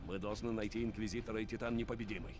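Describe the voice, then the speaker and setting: A man voicing a commanding, stern space marine captain in a video game, with brisk military authority. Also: lowish voice, steady tone, natural voice. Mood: stern, composed. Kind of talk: dramatic voice acting in a video game.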